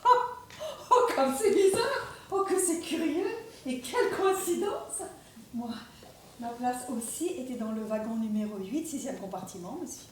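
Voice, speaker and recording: A woman's voice: high voice, animated, measured pace, darkish tone, recorded from a distance, a little hiss or hum. An actress playing a polite lady who exclaims in affected amazement in a stage play. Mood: amazed, polite. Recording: echoey room, miked from afar.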